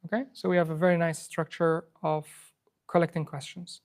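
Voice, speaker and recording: A man's voice: a little high, little pitch movement, brisk. A man from Afghanistan hosts a live coding workshop to a room, chatty and loose, with many fillers and restarts. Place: room with an in-person audience.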